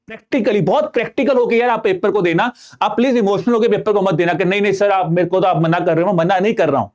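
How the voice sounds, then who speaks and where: High-voiced man teaching exam prep. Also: a little mellow. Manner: conversational, addresses students as friends, asks and answers own questions. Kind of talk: online lecture.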